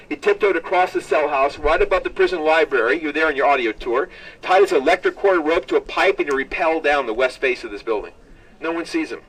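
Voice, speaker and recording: A man with a slightly high-pitched voice is picked up some way from the microphone. He speaks as a tour guide, telling a story live to a group. His delivery uses short dramatic phrases and puts questions to the listeners. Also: a bit bright. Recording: distant mic, live on-site capture.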